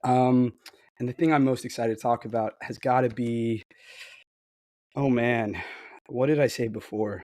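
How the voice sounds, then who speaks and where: A man who is sick and hoarse, with a smoker's rasp, chatting casually on a book discussion panel. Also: medium pitch, fairly even intonation, moderate pace, pauses often, a little mellow, dry recording.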